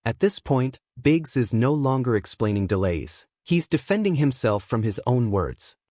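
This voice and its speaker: A man narrates in a calm, explanatory voice-over, recorded close and dry with no room sound. His pitch sits in a middle register. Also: moderate pace, no room sound. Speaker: commentator. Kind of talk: scripted narration.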